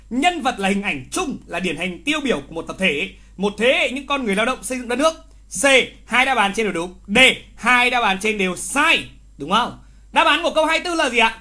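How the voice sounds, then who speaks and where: During a live online exam review, this male literature teacher, whose voice is very high, keeps things lively and teasing. Key words get repeated, and wrong answers draw exclamations of scolding.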